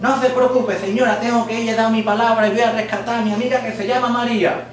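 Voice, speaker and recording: A man's voice: very high voice, steady tone, quick pace, pitched above the performer's own voice. A man voicing a brave, polite young boy, with an earnest, eager manner and a raised voice, recorded from far off in an echoey room. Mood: earnest, determined.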